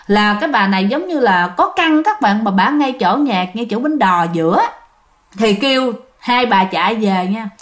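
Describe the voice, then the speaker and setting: A woman with a Southern Vietnamese accent telling ghost stories in a chatty way, often addressing her listeners directly. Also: medium pitch. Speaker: ghost story narrator. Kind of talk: casual storytelling of listener-sent ghost stories.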